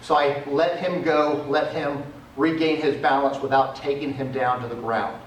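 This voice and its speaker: A man's voice: medium pitch, fairly even intonation, normal speed, slight background noise. A male martial arts instructor explaining self-defense techniques step by step while he demonstrates them, recorded outdoors. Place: outdoors on a cement area. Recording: echoey, distant camera audio.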